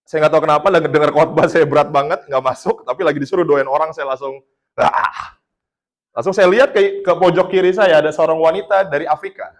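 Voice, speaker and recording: A man's voice: a little high, quick pace. A man from Indonesia preaching a casual sermon, telling a testimony in a chatty storytelling way and laughing at his own jokes. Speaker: pastor.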